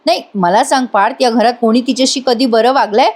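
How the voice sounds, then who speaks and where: A woman reading as a sharp-tongued scolding aunt. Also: a little high, a little fast, close to an everyday voice. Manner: scolding, needling. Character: sharp-tongued middle-aged aunt defending her niece.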